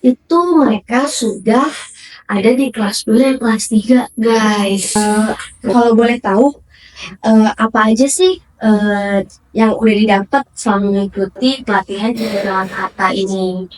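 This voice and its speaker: A woman's voice: mid-range voice, steady tone, measured pace, darkish tone, recorded from a distance, low-quality recording. A woman hosting a casual interview, chatty and upbeat with frequent fillers. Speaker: host.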